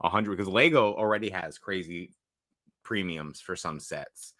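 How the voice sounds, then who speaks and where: A man's voice: sits low, measured pace, bright, forceful tone, no echo, studio quality. A young man co-hosting a casual livestream podcast, joking around and greeting viewers in the chat. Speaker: podcast co-host.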